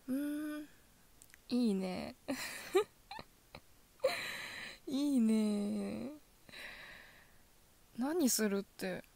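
A woman plays a possessive yandere girlfriend in an ASMR-style ASMR role-play. Her voice is soft and slightly high, with unhurried, lingering delivery. She sounds sugary and coaxing, with a cold, controlling threat underneath. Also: full character voice. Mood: gloating, coaxing. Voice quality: soft, often dropping in a soft voice.

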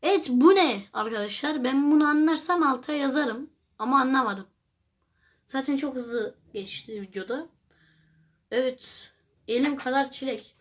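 Chatty high-voiced young woman vlogger. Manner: chatty, rambling, exclamatory, addresses viewers as friends. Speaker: video host reacting to clips. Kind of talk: casual reaction commentary.

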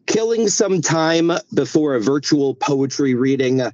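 A man's voice: on the high side, animated, measured pace, a little mellow. A man joins a group voice chat from his parked car. His voice sounds dull and lo-fi, and the small space is dry with no echo. He chats loosely and fills the gaps with "like" and "uh". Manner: loose and chatty, many likes and uhs. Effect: heard over a group voice chat. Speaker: poet reading his work. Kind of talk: casual chat, then reading a poem aloud.

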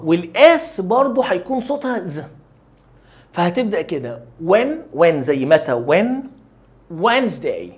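Egyptian man drilling English pronunciation. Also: high-pitched. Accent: Egyptian Arabic. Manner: drills each word slowly, repeating it many times. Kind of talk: pronunciation lesson.

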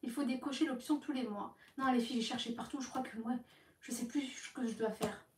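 Young woman, high voice, animated casual storytelling, echoey room, a bit far from the mic. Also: fairly quick. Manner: animated, acts out the other side of phone calls. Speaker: live streamer talking to her followers. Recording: echoey room, voice from some distance.

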